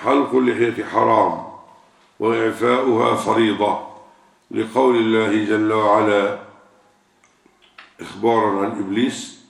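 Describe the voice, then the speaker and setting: Older man, Egyptian Arabic accent, preaching sheikh, rhetorical questions, very gravelly, echoey distant mic. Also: lowish voice, steady tone, normal speed, long pauses. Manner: asks rhetorical questions and repeats key words for emphasis. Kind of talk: religious question-and-answer sermon. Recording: echoey room, far from the mic.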